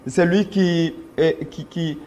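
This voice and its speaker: Emphatic Congolese party official. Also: male voice, on the high side, fairly even intonation, measured pace, darkish tone, highs cut off. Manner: emphatic, argumentative, rising in force when insisting. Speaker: political party official, guest. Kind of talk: political interview.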